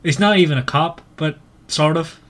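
This Northern Irish man hosts a relaxed book chat on a podcast in his native accent. His pitch sits fairly high with a slightly bright quality, and his speech comes out halting, with frequent repeated words.

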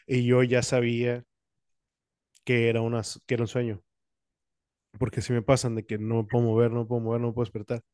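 A man's voice: medium pitch, completely flat delivery, a little fast, pauses often, darkish tone, clean tone, no echo, studio quality. A young man, co-hosting a podcast, rambling casually through a personal story and acting out his own cries. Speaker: podcast co-host.

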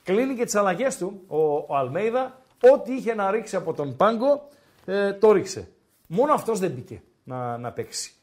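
High-pitched man, casual host, teasing, drawn-out pauses, live betting chat. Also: sing-song, darkish tone. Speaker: podcast host and betting tipster.

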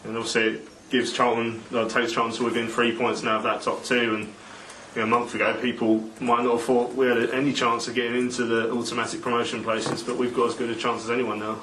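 A man's voice: mid-range voice, flat delivery, quick pace, bright, forceful tone. A man working as a sports reporter, putting post-match questions to a player, picked up off-mic. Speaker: sports interviewer. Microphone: off-mic, distant. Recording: distant mic, echoey, faint noise.

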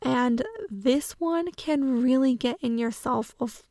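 A woman giving self-help advice in a calm, earnest, measured monologue. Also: high-pitched, no room sound, studio quality.

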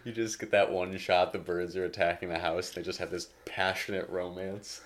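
A man's voice: deep voice, level tone, normal speed. A young man co-hosting a casual podcast chat, laughing often and talking playfully. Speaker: podcast co-host.

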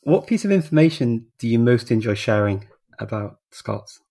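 Guy interviewing, calm and curious, gravelly warm voice. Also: mid-range voice, moderate pace. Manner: calm, inquisitive. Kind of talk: interview questions.

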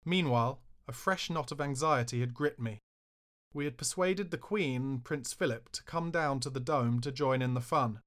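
A man's voice: mid-range voice, moderate pace, a bit bright. A man reading his own memoir aloud in a wry, self-mocking way, bursting into raised outbursts when he quotes himself. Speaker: author narrating his memoir. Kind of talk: memoir audiobook narration.

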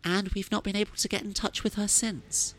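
A woman's voice: medium pitch, level tone, brisk, a little hiss or hum, lightly acted, low-quality recording. A woman playing a polite, gushing radio chat show presenter in a comedy parody.

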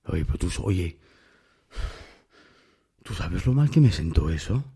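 Casting: man, dark husky voice, emphatic casual storyteller. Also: low voice, big pitch swings, a little slow. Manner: emphatic, addresses the listener directly.

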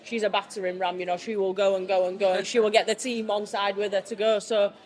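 A woman's voice: medium pitch, flat delivery, fast. A woman pundit on a sports podcast, talking casually and giving firm opinions. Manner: confident, gives firm opinions. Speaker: pundit guest.

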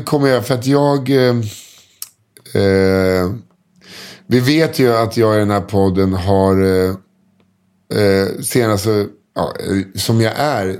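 A man's voice: lowish voice, a little mellow. A man hosting a podcast, telling stories in casual chat, rambling with many hesitations. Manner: rambling, lots of hesitation fillers and restarts. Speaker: podcast host.

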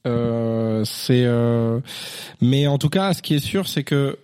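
A man's voice: medium pitch, slow pace, darkish tone, clean tone. A tipsy man chatting casually on a podcast, hesitant and full of fillers, sitting close to a table mic. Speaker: podcast co-host. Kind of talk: casual chat. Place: room at home around a table.

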